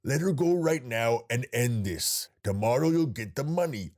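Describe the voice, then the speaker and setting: A man voicing a calm male investigator in an audiobook, speaking reassuringly and persuasively. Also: mid-range voice, normal speed, pitched above the performer's own voice, natural voice.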